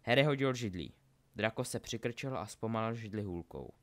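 A man narrating a storybook aloud in an expressive reading style. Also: fairly low pitch. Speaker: audiobook narrator.

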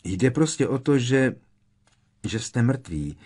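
A man's voice: mid-range voice, sing-song, darkish tone, husky, voice pushed up. A man voicing an agitated teenage boy wizard who presses with urgent, pleading questions in an audiobook. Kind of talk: audiobook character reading.

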